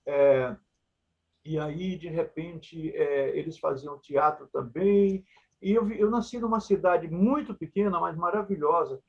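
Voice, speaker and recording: A man's voice: a little high, a little slow, husky. An older man from Brazil with a Maranhão accent, telling his life story in an interview in a blunt, joking, earthy way. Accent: Maranhão Brazilian Portuguese. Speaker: puppeteer and researcher, guest. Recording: dull lo-fi sound.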